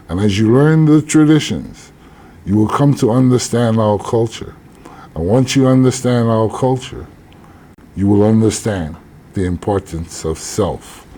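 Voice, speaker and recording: An older man from Hawaii, an elder teaching about tradition in a slow, measured way with deliberate pauses. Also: on the low side, mellow.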